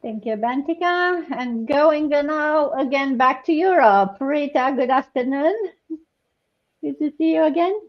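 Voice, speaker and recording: Hosting a live online panel over a video call, a woman from Romania speaks unhurriedly in a high voice, hesitating with many fillers and restarts. The audio is dull and lo-fi.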